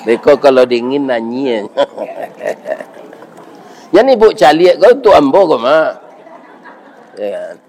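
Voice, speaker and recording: A man's voice: medium pitch, big pitch swings, slow pace, pauses often, a little mellow. An older man preaching a casual village sermon with a Minangkabau accent, bantering with his listeners and often asking "right?". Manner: folksy, bantering, keeps asking "iya kan?". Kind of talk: village sermon with crowd questions.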